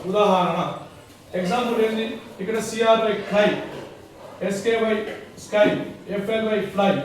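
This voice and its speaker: High-voiced man teaching from far off. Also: heavy reverb, a little hiss or hum. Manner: repetitive, asks and answers his own questions. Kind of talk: classroom lesson.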